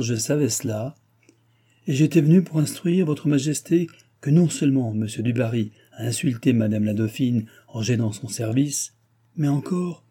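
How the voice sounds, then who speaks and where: Soft-spoken young prince, read by a man, dark husky tone, storybook. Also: mid-range voice, natural voice. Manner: soft, measured. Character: dauphin, young prince, mild and restrained. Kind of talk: audiobook reading.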